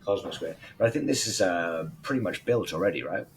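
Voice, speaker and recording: A man with a hoarse, very deep voice co-hosts a casual podcast. He talks in a loose, chatty way and swears casually. A faint noise sits under the recording. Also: animated, fairly quick, poor audio. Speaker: podcast co-host. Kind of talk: casual industry chat.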